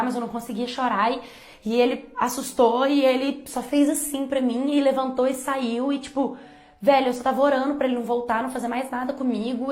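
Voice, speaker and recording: A woman's voice: medium pitch, reverberant. A woman telling a personal story in a chatty, confiding way, full of casual fillers.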